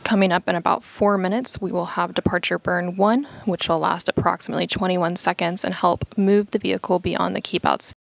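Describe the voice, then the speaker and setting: A woman's voice: fairly low pitch, fairly even intonation, fairly quick, gravelly, few pauses, no echo. A woman giving scripted, technical commentary on a spacecraft's departure.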